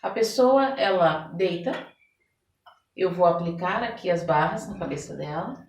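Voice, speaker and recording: Here a Brazilian woman with a fairly low voice speaks at a measured pace, appearing as a therapist on a podcast interview. She explains conversationally, illustrating points with everyday situations and made-up quotes. The mic is distant, the room echoes, and background noise is audible.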